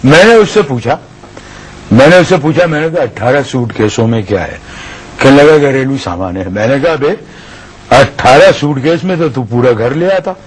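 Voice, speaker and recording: An actor playing a swaggering, middle-aged senior customs officer who tells a comic anecdote in character, acting out both sides of the quarrel. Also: male voice, mid-range voice, lively intonation, slightly rough, rough recording. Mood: boastful mocking.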